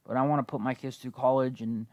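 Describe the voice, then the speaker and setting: A man's voice: medium pitch, fairly even intonation, fast, no room sound. A man in his twenties giving casual, rambling gameplay commentary, slightly wheezy from a cold, laid-back and given to swearing. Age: 20s. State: coming down with a cold. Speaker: gaming video host.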